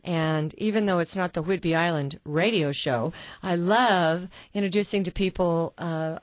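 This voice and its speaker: A woman's voice: on the low side, no echo. A woman hosting a radio interview, effusive and chatty with her guest. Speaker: radio show host.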